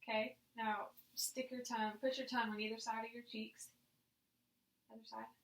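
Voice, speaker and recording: A woman's voice: on the high side, level tone, moderate pace, poor audio. A woman demonstrating a clinical exam, informally explaining each step and giving instructions to her patient. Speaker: examiner demonstrating a nursing head assessment on a patient.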